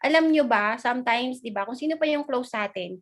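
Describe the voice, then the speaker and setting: A woman with a fairly high voice talks casually on a video call. She is chatty and animated, and she drops in quick asides as she goes. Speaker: guest speaker. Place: abroad, in Australia.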